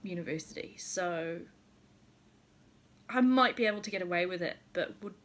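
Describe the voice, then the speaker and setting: This casual chat comes from a young female vlogger with a New Zealand accent whose voice is on the low side and whose pace is normal. She laughs frequently, swears freely, and comes across as giggly and a little tipsy.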